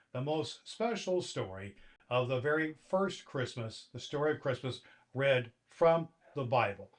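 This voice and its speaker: A man playing jolly old Santa Claus as a kindly grandfatherly storyteller, reading to children with deliberate, theatrical emphasis. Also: mid-range voice, close to an everyday voice. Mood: kindly, warm.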